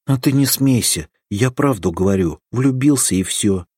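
A man reading the part of an affectionate, teasing young village girl in an audiobook, lifting his voice into a bright pleading lilt. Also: mid-range voice, animated, normal speed, husky, no room sound, clean studio sound, voice pushed up. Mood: tender.

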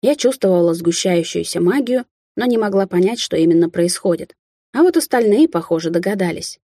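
A woman's voice: fairly low pitch, lively intonation, fairly quick, warm tone, no room sound, studio quality. A woman narrating a fantasy audiobook in the first person.

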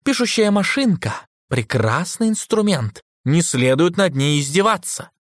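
A man reading an audiobook, voicing a cold, contemptuous male drama critic in a slow, lowered, disdainful voice. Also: sing-song, dry recording, studio quality. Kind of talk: audiobook character voice.

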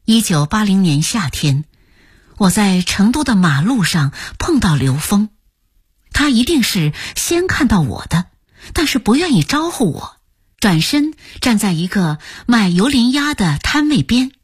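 Woman audiobook narrator, unhurried, husky and airy, lively pitch, close dry recording. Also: dry recording. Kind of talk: scripted novel narration.

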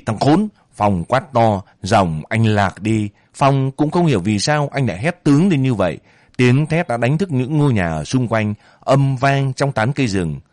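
Rich: A man with a middle-pitched voice narrating a novel at a slow, measured pace. The recording is close and dry, with no room sound. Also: darkish tone, dry recording. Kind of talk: audiobook narration.

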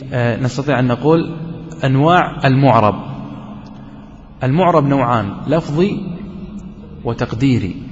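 A man's voice: medium pitch, dull audio, slight background noise. Man teaching grammar in an echoing hall. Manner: asks the class questions and answers them himself, repeats key phrases. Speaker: sheikh teaching Arabic grammar. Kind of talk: classroom lesson explaining a grammar poem.

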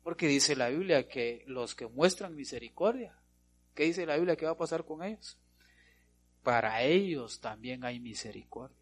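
A man preaching a sermon with a somewhat husky, breathy voice at a middle pitch. He talks straight to his congregation, asking them questions and dropping frequent amens between points. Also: lively intonation, moderate pace. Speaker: pastor.

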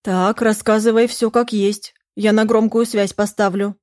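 A woman's voice: medium pitch, little pitch movement, a little slow, a little mellow, no echo, studio quality, voice pushed up, lightly acted. A woman voicing a fussy, worried middle-aged mother in an audiobook. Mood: demanding.

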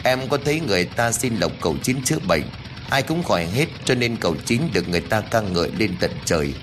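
A man's voice: lowish voice, lively intonation, fast, music in the background, lightly acted. A man voicing an inquisitive village man who asks questions insistently.

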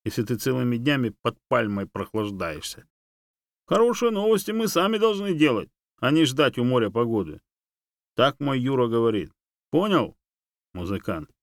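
A man's voice: medium pitch, big pitch swings, normal speed, no room sound, studio quality, pitched above the performer's own voice. A man voicing a sarcastic, know-it-all female monkey who teases and mocks her friend. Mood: teasing. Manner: teasing, mocking.

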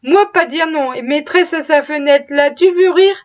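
A woman's voice: high voice, moderate pace, natural voice. A woman voicing a cheerful young male stable boy who teases his friend in a storybook reading. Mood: amused. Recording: dull lo-fi recording.

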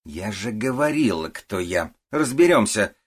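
A man's voice: lowish voice, sing-song, unhurried, breathy edge, exaggerated voice. A man voicing a pushy, commanding woman with powerful connections who talks in an insistent, threatening way, in an audiobook.

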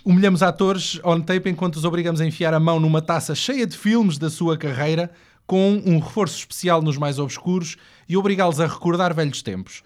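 A man hosting an interview in a playful, teasing way. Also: fairly high pitch. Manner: playful, teasing, quick bursts. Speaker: podcast host.

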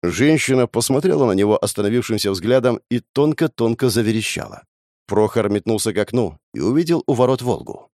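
A man narrating a radio play with tense, expressive storytelling. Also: medium pitch, a little fast, dry recording, studio quality.

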